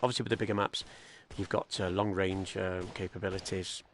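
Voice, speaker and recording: A man's voice: low-pitched, flat delivery, brisk, slight background noise. A man giving casual, chatty commentary while playing a shooting game, explaining the controls as he goes with plenty of fillers. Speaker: gaming video creator. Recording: loud game gunfire behind the voice. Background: loud gunfire and game sounds.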